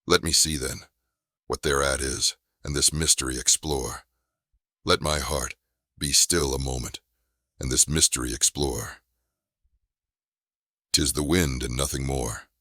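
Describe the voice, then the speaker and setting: A man with a deep, firm voice giving a solemn, theatrical recitation of a gothic narrative poem. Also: fairly even intonation, unhurried, long pauses, pushed and bright, no echo, studio quality. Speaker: poetry reader.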